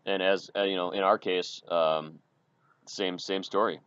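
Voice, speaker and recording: A man co-hosting a sports podcast, talking casually in a halting way with many fillers. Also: deep voice, steady tone, fairly bright tone, smooth, no echo, dull audio. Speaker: podcast co-host.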